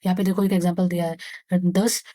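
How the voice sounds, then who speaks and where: A woman with an Indian accent teaching maths to young pupils. She reads English textbook lines slowly, then explains them again and counts aloud step by step. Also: lowish voice, flat delivery, dark tone, slight background noise. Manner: slow, deliberate reading of English textbook lines; explains each line again in Hindi. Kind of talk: casual lesson for young pupils.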